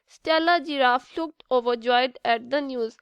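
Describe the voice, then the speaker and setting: A woman reading a children's bedtime story aloud in a gentle, expressive way. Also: high voice, a little slow, smooth, no echo.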